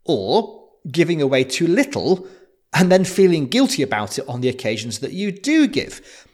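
A man co-hosting a casual podcast, talking in a lively, self-deprecating way and laughing easily. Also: on the high side, moderate pace. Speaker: podcast co-host.

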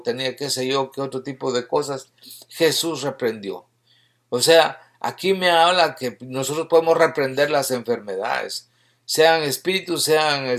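A man preaching a sermon with fervor, reading scripture aloud and rising into emphatic bursts between quieter stretches. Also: medium pitch.

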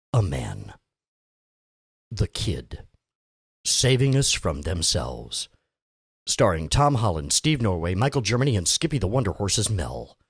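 Trailer narrator, dramatic and very low. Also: male voice, slightly rough, no room sound, studio quality, heavily acted. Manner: dramatic, slow and booming. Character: deep-voiced movie trailer announcer man.

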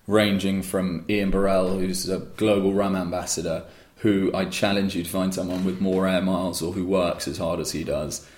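A man with a deep, low voice talks at length in an interview about starting his own rum brand. His answers wander and restart, dotted with fillers. The room around him rings with echo. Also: darkish tone. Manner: rambling with frequent restarts and fillers. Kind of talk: conversational interview.

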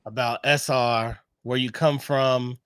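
A man's voice: mid-range voice, steady tone, slow, fairly bright tone, smooth, no room sound, studio quality. A man hosting a podcast interview, chatting casually, prompting his guest and checking the audio levels. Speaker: podcast host.

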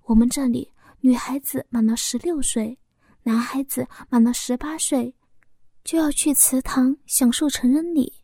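A shy young village wife, as the woman reading the story puts her on speaks in a hushed, confiding voice. Her voice sits high and mellow. The sound is dry and close. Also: steady tone, measured pace, no room sound. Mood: hushed explaining.

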